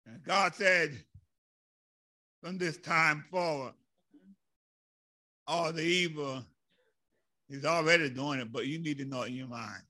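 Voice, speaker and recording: A man preaching a sermon with passion, dwelling on words and rising to shouts. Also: fairly high pitch. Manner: impassioned, builds to shouts and drawn-out emphasis.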